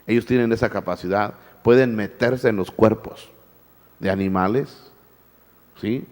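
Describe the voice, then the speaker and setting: A man's voice: lowish voice, unhurried, a little mellow, big-room sound. A male pastor preaching a sermon, firing rhetorical questions at the congregation and repeating his words. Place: church.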